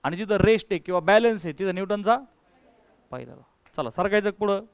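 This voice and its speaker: Coaxing physics teacher. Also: male voice, sits high, lively intonation, a little fast, clean tone, no echo. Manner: coaxing, calls students to answer louder. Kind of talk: classroom lecture. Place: classroom.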